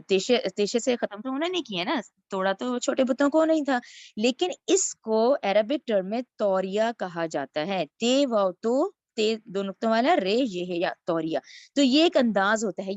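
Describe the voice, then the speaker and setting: A woman's voice: fairly high pitch, darkish tone, no room sound, highs cut off. A woman teaching a verse-by-verse religious lesson, reciting Arabic phrases and then explaining each one. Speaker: Quran teacher.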